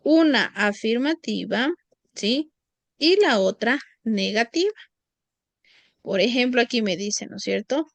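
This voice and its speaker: A woman English teacher giving a lesson, speaking slowly and patiently and repeating each phrase for her students. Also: a little high, lively intonation, creaky, no echo.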